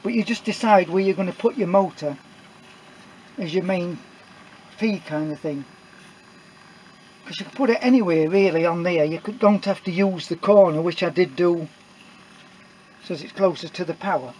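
This middle-aged maker's high-pitched, darkish voice comes across at normal speed with frequent pauses as he casually demonstrates a homemade build indoors in his workshop. He rambles plainly with many uhs and restarts, captured on a camera mic while filming his own hands off-camera, and the poor audio has a slight hiss or hum.

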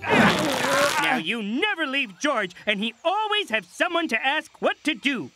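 Cartoon lead: naive, needy young jungle strongman, broken childlike speech, unhurried delivery, loud score underneath. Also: very high-pitched, big pitch swings, exaggerated voice, low-quality recording. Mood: distressed, eager. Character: friendly dim-witted muscular young jungle man, needy. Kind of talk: animated cartoon acting. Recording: loud cartoon music behind.

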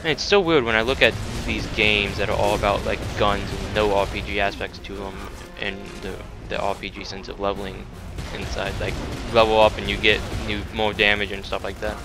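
A man with a fairly low voice hosts a casual gaming video, pronouncing his R's softly like W's. He talks in a sweary, self-deprecating way. Game music and gunfire play clearly behind him. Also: steady tone, brisk. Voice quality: soft R sounds, saying w for r. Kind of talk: casual let's-play commentary. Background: game music, gunfire and vehicle sounds.

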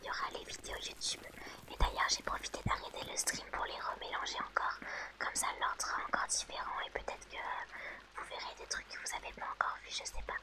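A woman whispering softly to her audience in ASMR style, reading out chat names and answering them gently. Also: fast talker. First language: French.

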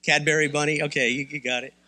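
High-voiced, bright-toned man preaching. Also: little pitch movement, quick pace. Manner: conversational, candid, rousing. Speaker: pastor. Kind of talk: sermon. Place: church sanctuary.

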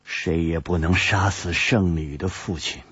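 A man voicing a calm, composed young woman, a former sect saint, in a storytelling audiobook, speaking softly and slowly. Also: sits low, breathy edge, no echo, voice pushed down, exaggerated voice. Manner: soft, slow and composed. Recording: dull lo-fi dry recording.

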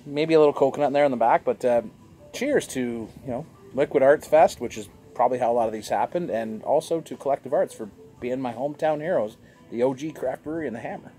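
A man's voice: medium pitch, quick pace, faint music behind. A jovial, chatty man, reviewing a beer for his vlog on a sunny outdoor patio, recorded by a camera across the table. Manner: jovial, chatty, animated gestures. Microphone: fixed camera across a table.

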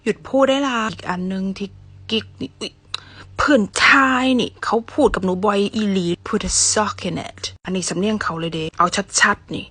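Young woman, Isan Thai accent, chatty teacher; bright and forceful tone, dry close recording. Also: mid-range voice, expressive, a little fast, slightly rough, no echo. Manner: playful, chatty, slips into whispers for examples. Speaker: English teacher. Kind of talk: casual language lesson.

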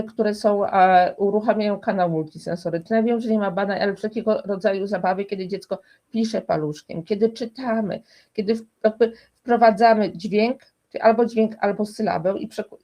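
A woman's voice: mid-range voice, darkish tone. A woman speaking as a guest expert in a conversational interview, explaining emphatically and restarting often.

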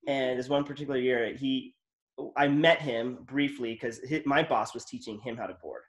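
A man's voice: mid-range voice, fairly even intonation, moderate pace. Casting: male host, eager chatty storyteller, mid-range voice. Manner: enthusiastic, rambling storyteller. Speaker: podcast host. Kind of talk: casual interview chat.

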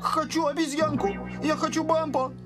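A man's voice: very high-pitched, flat delivery, normal speed. A man voicing a spoiled, demanding cartoon boy with a petulant, insistent delivery. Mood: whiny indignant. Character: whiny, demanding spoiled boy who threatens to complain. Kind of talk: cartoon dub acting. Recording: music behind the voice.

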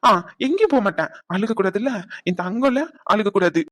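A woman's voice: medium pitch, lively intonation, a bit bright, a little hiss or hum, close to an everyday voice. A woman voicing a young father in a cartoon, soothing his son and teasing his mother. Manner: quick, soothing, playful. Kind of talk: cartoon voice acting.

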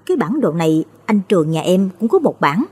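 A woman's voice: on the low side, sing-song, fairly quick, a little mellow, slightly rough. A woman voicing a tearful young widowed daughter-in-law in a storybook reading, with a pleading manner. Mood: worried.

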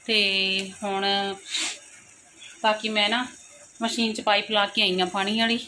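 A woman's voice: mid-range voice, little pitch movement, measured pace, sharp tone. A young woman chats informally as she narrates a casual home vlog about everyday life. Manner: chatty, informal, explaining everyday chores. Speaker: family vlogger, mother. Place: at home, household noise behind. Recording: noisy home phone recording.

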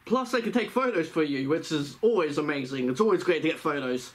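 A man's voice: on the high side, brisk. A man giving casual tips to the camera, talking through a costume head in a chatty, rambling way that often corrects itself. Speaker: fursuit vlogger.

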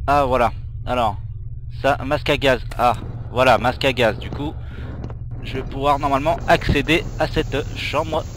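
A man's voice: medium pitch, fairly even intonation, normal speed, noisy background. A young man giving jittery let's play commentary on a horror game, exclaiming and muttering to himself into a headset. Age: young adult. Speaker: gamer. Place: small room at home.

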